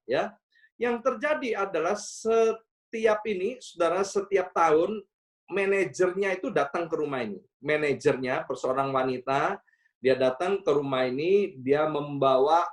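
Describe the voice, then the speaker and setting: A middle-aged man, a senior pastor, preaching in a relaxed, conversational way, telling personal stories and acting out voices, often addressing his listeners directly and slipping English phrases into his talk. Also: measured pace. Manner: storytelling, acts out dialogue with sudden high bursts. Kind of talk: conversational sermon.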